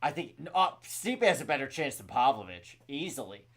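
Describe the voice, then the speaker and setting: A man co-hosts a live fight stream and talks through matchups in a casual, opinionated way. His pitch moves around a lot as he argues his picks. His voice sits in a middle pitch range. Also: sing-song, normal speed, fairly bright tone. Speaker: co-host. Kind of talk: live fight watch-along commentary.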